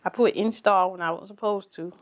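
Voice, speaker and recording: A woman's voice: mid-range voice, fairly even intonation, a little fast. A woman chatting casually on a snack review vlog, tasting as she talks and restarting her sentences. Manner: chatty, tasting food while talking, trailing restarts. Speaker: vlogger.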